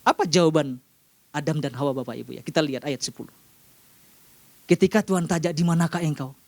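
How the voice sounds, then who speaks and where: A man with an Indonesian accent preaching a sermon to a congregation, often calling out to them and rising sharply in pitch for emphasis. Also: fast talker, darkish tone, dry recording.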